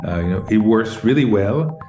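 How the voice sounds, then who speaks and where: A middle-aged man from France with a French accent, answering interview questions with many pauses and restarts. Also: fairly low pitch, lively intonation, warm tone, soft background music. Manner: hesitant, many ums and restarts. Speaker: guest, tech executive. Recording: roomy echo.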